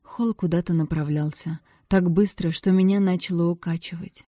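A woman reads a first-person audiobook with measured, expressive storytelling. Her voice sits low and mellow. The recording is close and dry. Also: dry recording. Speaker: audiobook narrator.

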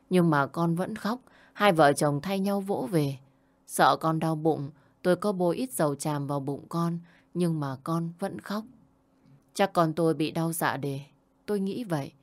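Low-voiced woman telling her story. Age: young adult. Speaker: narrator. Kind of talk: first-person story narration. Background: faint music.

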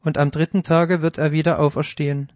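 A man reading the words of Jesus in a scripted audio Bible, with measured, solemn archaic phrasing. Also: on the high side, flat delivery, a little mellow, no room sound, close to an everyday voice. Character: Jesus, calm grown male teacher.

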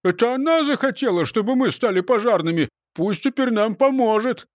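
A nervous, fretful fireman who worries and thinks of food, as a man reading a storybook puts him on. His voice sits a little raised and lively, close and dry. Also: very high-pitched, fairly quick, no echo, pitched above the performer's own voice. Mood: urgent. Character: timid always-hungry male fireman.

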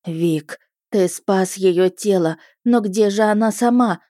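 A woman's voice: medium pitch, takes it slowly, dark tone, dry recording, clean studio sound, lightly acted. A woman voicing a stout, tearful noble mother in middle age. She sounds emotional and pleading. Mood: shocked anguish.

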